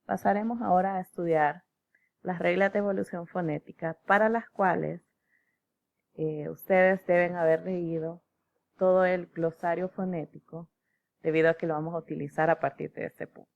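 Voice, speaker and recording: A woman teacher, explaining slides in a measured lecture, checking in with her students as she goes. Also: fairly low pitch, fairly even intonation, creaky, narrow, tinny audio.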